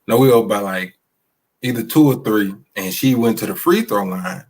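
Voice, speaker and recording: Texas coach guy with a country twang, loud and animated, telling stories in a live chat. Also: fairly low pitch, normal speed. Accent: East Texas. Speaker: basketball coach. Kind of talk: casual live interview.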